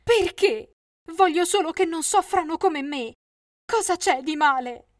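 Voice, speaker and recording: A woman voicing a middle-aged adoptive mother who is pushy and desperate, with a shrill, pleading manner. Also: animated, moderate pace, no echo, studio quality. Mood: anguished.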